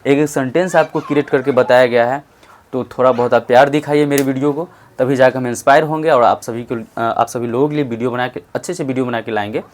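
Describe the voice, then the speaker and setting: A man from India teaching spoken in Hindi, slowly repeating example sentences with emphasis and translating them. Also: medium pitch, fairly even intonation. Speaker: English teacher. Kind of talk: spoken English lesson.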